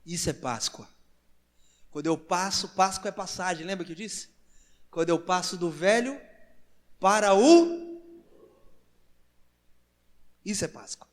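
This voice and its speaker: A man with a Brazilian Portuguese accent preaching a sermon as pastor, in slow emphatic phrases that rise to loud exclamations. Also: sits high. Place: large church hall. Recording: church hall with long reverb.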